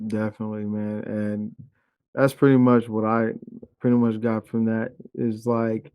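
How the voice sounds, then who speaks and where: A man hosting a casual music interview, relaxed and agreeable, often saying "pretty much". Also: fairly low pitch, unhurried, smooth, dry recording, narrow, tinny audio. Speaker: podcast interviewer.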